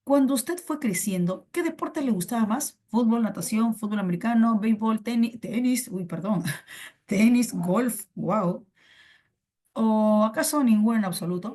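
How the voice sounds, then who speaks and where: A woman's voice: on the high side, measured pace, mellow. A woman teaching an online class in Peruvian Spanish, playful and coaxing, repeating her phrases as she talks to students over a computer mic.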